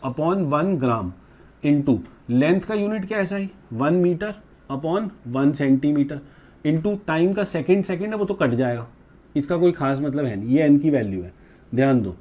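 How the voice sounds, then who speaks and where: A man's voice: on the high side, phone-quality sound. A man giving a physics lesson at a board, explaining step by step, often asking his students questions and calling them fondly by pet words, with mixed into his speech. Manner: calls students "beta" and "bachche" fondly; mixes English terms into his speech. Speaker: physics teacher. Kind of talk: classroom lecture at a board.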